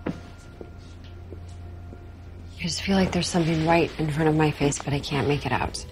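An actress plays a stubborn, determined young woman, a former prosecutor in a TV drama. Her voice sits low, and she talks earnestly and conversationally, with faint music behind. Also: fast talker, a little mellow, close to an everyday voice. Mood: troubled, reflective. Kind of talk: naturalistic TV drama acting.

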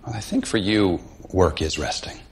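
An actor playing a gentle, worried male friend with soft-spoken concern in a naturalistic TV drama. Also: deep voice, moderate pace, vocal fry. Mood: light, apologetic.

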